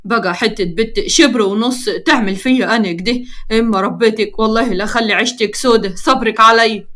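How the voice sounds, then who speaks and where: A woman's voice: on the high side, a little fast, fairly bright tone, lightly acted. A woman voicing a hot-tempered, vengeful young man who talks angrily and threateningly. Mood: furious. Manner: angry, threatening, muttering.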